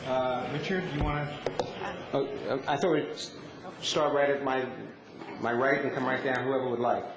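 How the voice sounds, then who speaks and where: A man moderating a conference panel, briskly directing questions and speakers. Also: medium pitch, steady tone, a crowd in the background. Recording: echoey conference hall with noise.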